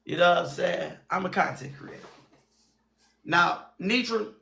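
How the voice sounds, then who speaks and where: A man's voice: high-pitched, unhurried, vocal fry, pushed and bright, reverberant. A man in his forties hosting a livestream, talking bluntly and repeating phrases and names for emphasis. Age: 40s. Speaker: livestream host. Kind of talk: heated livestream chat.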